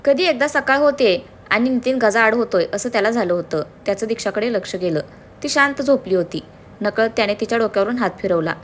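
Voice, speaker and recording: A woman's voice: on the high side, expressive, a little fast, a little hiss or hum. Woman narrating a story.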